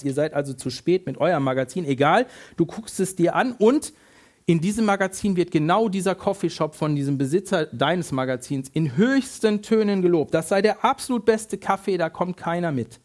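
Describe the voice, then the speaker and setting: A man preaching a sermon, telling a vivid story to the listener in second person with lively, animated delivery. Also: high voice.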